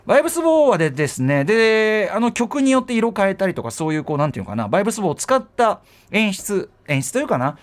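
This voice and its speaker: A man hosts a radio show and rattles off announcements at a very fast clip. His fairly high voice swings up and down with a lot of life. He rambles, corrects himself mid-sentence and adds polite asides. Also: big pitch swings. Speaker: radio host.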